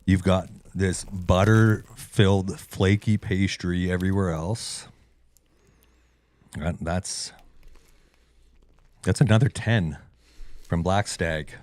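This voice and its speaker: A man co-hosting a fly tying show, chatting in a relaxed way while eating. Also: sits low, slow, pauses often. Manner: relaxed, chatty, whispers for crunching sounds. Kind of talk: casual chat while eating.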